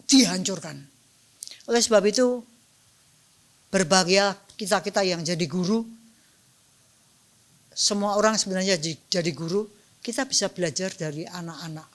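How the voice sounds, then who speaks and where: A middle-aged woman giving a lively, playful dharma talk, acting out scenes and speaking with a group. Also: medium pitch. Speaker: dharma teacher.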